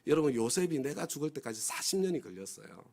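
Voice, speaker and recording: A man's voice: on the high side, very animated, fast, a little mellow. A male pastor preaching a dawn prayer service sermon, often asking the congregation for agreement and acting out the inner voices of complaining people. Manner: has the congregation repeat phrases after him.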